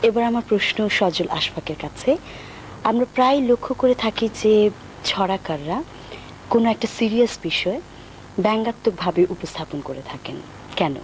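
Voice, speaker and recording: A woman's voice: medium pitch, animated, normal speed. A woman with a Bangladeshi accent hosting a formal television interview in a studio. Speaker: TV interview host. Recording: noisy old TV studio tape.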